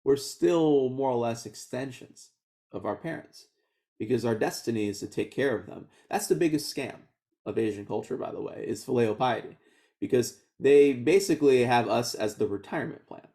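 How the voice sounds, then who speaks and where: A medium-pitched man in his thirties from Houston, Texas, whose first language was Vietnamese, tells his life story in a relaxed oral history interview. He speaks at a moderate pace, laughs often, and frequently restarts his sentences.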